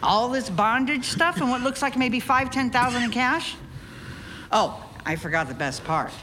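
A woman's voice: on the high side, animated, normal speed, fairly bright tone. A woman playing a sardonic, tough interrogator. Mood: menacing. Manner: sardonic, blunt, profane. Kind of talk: audio drama acting. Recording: noisy background.

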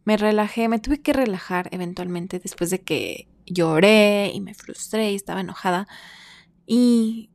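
A woman chats through a personal story, laughing often between phrases. She speaks in a middle pitch and acts out her own worried thoughts in little quoted bursts. The sound is close and dry, with no room around it. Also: unhurried, darkish tone, no room sound. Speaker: vlogger.

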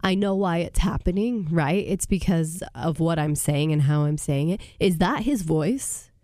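A woman with a hoarse voice, co-hosting a casual podcast chat, talking in a chatty, self-deprecating way with dry asides. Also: low voice, unhurried, warm tone, no echo. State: hoarse from illness. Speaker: podcast co-host. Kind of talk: casual chat recapping a reality show. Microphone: studio microphone.

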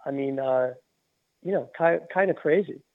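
A man, a podcast guest, chatting casually and telling anecdotes haltingly, repeating words as he goes. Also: on the high side, no echo. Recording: tinny, narrow phone-like line.

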